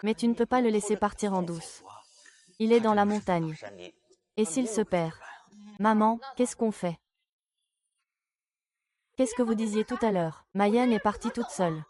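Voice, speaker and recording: A woman's voice: mid-range voice, unhurried, long pauses, lightly acted. A woman dubbing dialogue for a family drama with an emotional delivery. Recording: loud crowd noise behind.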